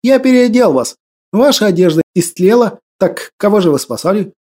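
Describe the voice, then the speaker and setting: A man voicing a gentle, earnest young man who patiently explains things. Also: high-pitched, expressive, moderate pace, voice pushed up.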